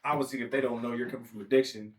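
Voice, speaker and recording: A man's voice: mid-range voice, fairly even intonation, racing. A man hosting a podcast in a casual, playful, joking chat. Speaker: podcast host. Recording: distant from the mic.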